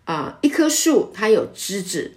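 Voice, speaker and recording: A woman's voice: mid-range voice, sing-song, measured pace. A middle-aged woman pastor, preaching a sermon in an emphatic way, with many "ah" fillers between phrases. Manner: warm, emphatic preaching with frequent filler sounds.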